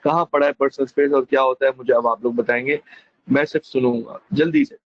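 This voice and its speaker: Lively male teacher. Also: mid-range voice, fast talker, dry recording. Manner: addresses students as friends, mixes in English phrases; lively, demonstrative emphasis. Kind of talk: classroom lecture. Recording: dull lo-fi dry recording.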